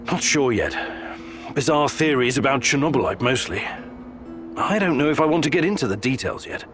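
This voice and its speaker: A man's voice: medium pitch, lively intonation, moderate pace, natural voice. An actor playing a guarded, level-headed male scientist in a video game, with music behind him. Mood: measured, dry. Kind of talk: video game dialogue acting.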